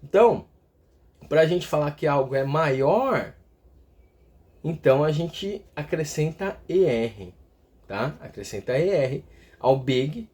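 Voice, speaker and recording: Man explaining grammar, fairly high voice. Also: a little mellow. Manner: explains step by step, ends phrases with a checking "tá?". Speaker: English teacher. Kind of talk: explaining grammar in a video lesson.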